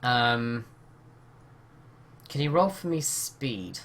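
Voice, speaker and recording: A man's voice: medium pitch, animated, drawn-out words, a bit bright, slight background noise. A man narrating as game master of a tabletop game, hesitant and full of "um" and "sort of" fillers.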